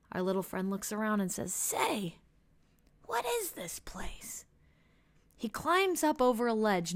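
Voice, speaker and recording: A woman with a high voice tells a playful picture story aloud. She narrates with animated energy, describing each panel as she goes. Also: no echo, clean studio sound.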